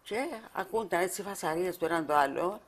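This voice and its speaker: Μια ηλικιωμένη γυναίκα με κυπριακή προφορά δίνει μαρτυρία σε συνέντευξη ντοκιμαντέρ, μιλώντας διστακτικά και επαναλαμβάνοντας λέξεις. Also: female voice, lowish voice. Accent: Cypriot Greek. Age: older. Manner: halting, repeats words while recalling. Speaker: mother of the fallen soldier. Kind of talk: documentary interview testimony.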